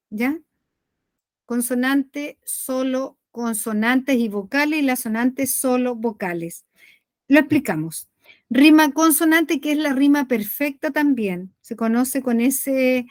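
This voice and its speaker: A woman teaches poetry online in a high, unhurried voice. She explains step by step, asks the class questions and keeps checking that they follow. The sound is dry and close. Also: no room sound. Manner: explains patiently, often checks understanding with a question tag.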